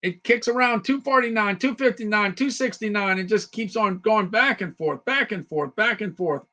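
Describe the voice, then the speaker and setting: Speaking at a moderate pace, this man has a high, bright voice with a forceful edge and a hint of wear. He's hosting a relaxed live stream about deals, chatting away, repeating himself, and addressing viewers by name.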